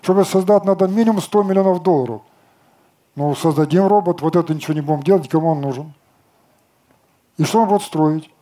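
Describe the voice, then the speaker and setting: An older man talking on an outdoor festival stage in a somewhat high but dark, mellow voice. He lectures with confidence and answers objections with rhetorical questions of his own. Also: brisk, long pauses. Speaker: company chief designer answering questions.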